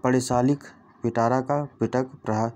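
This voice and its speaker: A man's voice: mid-range voice, steady tone, moderate pace, a little mellow. A man working through an exam paper, reading each question and its options aloud and explaining the answers, often stopping short to correct himself. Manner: reads out options then explains, with false starts. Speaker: exam tutor.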